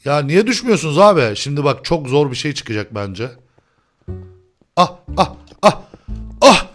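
A young man hosting a game stream, joking, laughing and shouting excitedly at the action. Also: a little high, moderate pace, faint music behind. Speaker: host. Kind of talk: excited gaming commentary.

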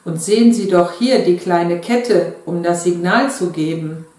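Brief: enthusiastic grown husband in a storybook, as a woman reads him, low-pitched, very echoey room. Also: unhurried, warm tone, natural voice. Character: middle-aged husband admiring a toy train.

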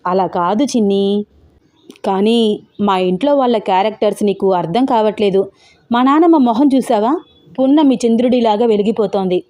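A woman's voice: mid-range voice, moderate pace, dark tone, no room sound, clean studio sound, lightly acted. A woman voicing a shy, easily flustered young man in a Telugu audio story. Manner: scolding, embarrassed complaints. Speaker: male lead in an audio love story.

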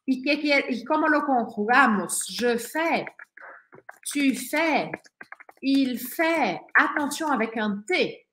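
Slow, echoey woman teaching French. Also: high voice, expressive, fairly bright tone, a little hiss or hum. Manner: drills conjugations slowly, repeating each form. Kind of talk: online language lesson.

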